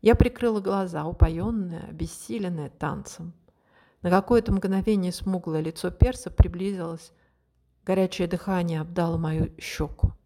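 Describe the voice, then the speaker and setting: A woman narrating a first-person audiobook in an expressive, dramatic reading style. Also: fairly low pitch, normal speed.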